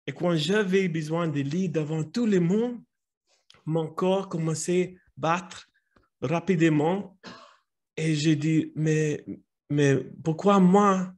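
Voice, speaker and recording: A man with an American English accent speaks slowly and haltingly, often stopping to search for a word and restarting his phrases. His voice sits a little high for a man, and he tells his story in an unhurried, personal way. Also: darkish tone. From United States. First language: Italian. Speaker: speaker at a language club meeting. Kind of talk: personal storytelling in a learned language.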